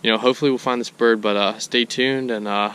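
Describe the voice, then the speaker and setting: A man's voice: mid-range voice, steady tone, fast, a bit bright, slight background noise. A young man, out of breath, telling a rambling vlog story to camera while walking outdoors through woods. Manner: rambling, self-correcting storytelling. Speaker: hunting vlogger. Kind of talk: casual vlog narration to camera.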